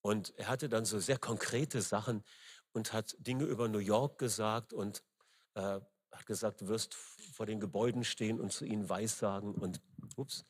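A middle-aged man preaching a sermon, emphatic and rising loud on key words, with frequent fillers. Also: on the low side, fairly even intonation, normal speed, husky. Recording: long reverb in a large hall.

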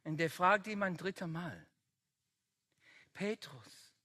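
A preacher giving a sermon, slow and emphatic, building to loud climaxes. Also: medium pitch, expressive.

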